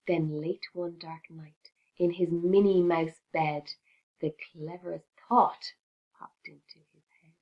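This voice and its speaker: A woman reading a rhyming picture book aloud to children in an expressive, sing-song teacher's way. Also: lowish voice, slow pace, highs cut off.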